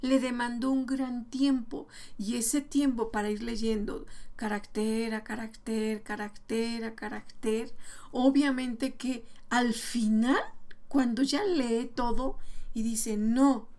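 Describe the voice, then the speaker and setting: A woman explaining to parents how to read with young children, patient and step by step, slowing down to sound out words. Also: on the high side, steady tone, darkish tone. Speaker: early literacy educator.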